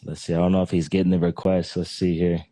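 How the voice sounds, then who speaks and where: A man's voice: low-pitched, flat delivery, fast, dark tone, no echo. A man from Texas hosting a casual podcast interview, laid-back and friendly with lots of filler phrases. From Texas, United States. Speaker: podcast host.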